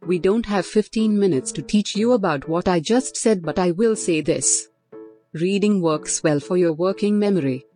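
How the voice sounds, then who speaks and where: A woman's voice: on the low side, normal speed, dark tone, soft background music, close to an everyday voice. A woman voicing a sassy, foul-mouthed female robot assistant in a comedy skit, blunt and mocking. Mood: smug.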